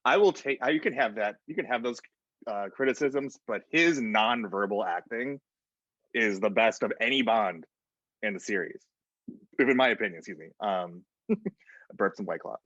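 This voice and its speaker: A man co-hosts a casual film chat, giving firm opinions in a halting way, full of fillers. His voice is on the low side. The recording sounds dry and dull, like lo-fi audio. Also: a bit bright, no echo. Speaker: podcast co-host. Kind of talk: casual chat about films.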